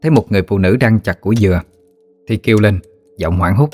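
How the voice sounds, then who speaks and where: A man with a Southern Vietnamese accent narrating a ghost story in a steady, plain manner. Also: lowish voice, fast talker, soft background music.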